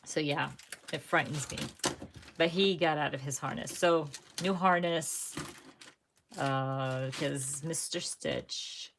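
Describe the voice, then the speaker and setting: Low-voiced woman chatting while crafting. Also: slow, a bit bright, slight background noise. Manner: rambling, self-correcting, chatting to viewers. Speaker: crafting livestream host. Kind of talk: casual chat while crafting live.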